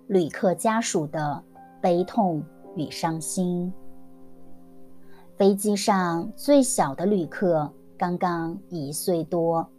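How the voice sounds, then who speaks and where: A woman teacher narrating a scripted story for language learners, enunciating every word very carefully and deliberately. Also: lowish voice, mellow. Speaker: Mandarin teacher.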